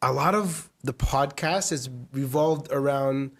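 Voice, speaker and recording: A man hosting a podcast interview, asking questions in a halting way with restarts and light jokes. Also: mid-range voice. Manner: halting, many restarts, jokey. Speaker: podcast host. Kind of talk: casual interview talk.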